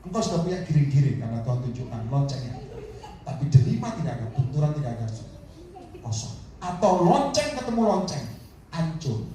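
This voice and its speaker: A man preaching an animated sermon, often calling for an amen and acting out people in his stories. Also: a little high, a little fast, crowd noise. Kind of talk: lively sermon. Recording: distant, very echoey hall with faint noise.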